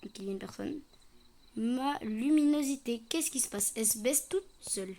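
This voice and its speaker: A woman's voice: fairly high pitch, normal speed, mellow. A young woman doing casual, slangy commentary on a horror game, chatting to her viewers. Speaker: gaming streamer. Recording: noisy home gaming mic.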